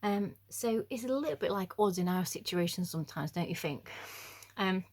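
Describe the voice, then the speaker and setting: A woman's voice: on the low side, animated, normal speed, darkish tone. Chatty woman giving a youth talk. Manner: chatty, jokey and self-deprecating, with frequent fillers. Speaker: youth speaker. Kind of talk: casual youth devotional talk.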